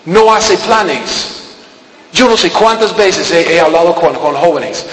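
High-voiced Costa Rican pastor preaching. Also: male voice, takes it slowly, roomy sound, in a large hall, a little hiss or hum, poor audio. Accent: Costa Rican Spanish. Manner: emphatic preaching with frequent repetition and rhetorical questions. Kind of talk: sermon.

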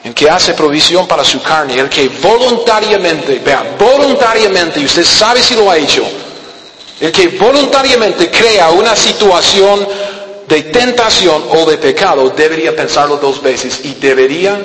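A man's voice: fairly high pitch, expressive, measured pace, fairly bright tone, roomy sound, long reverb tail, a little hiss or hum, rough recording. A man with a Costa Rican accent preaching a sermon, emphatic and repetitive, with rhetorical questions. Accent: Costa Rican Spanish. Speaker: pastor.

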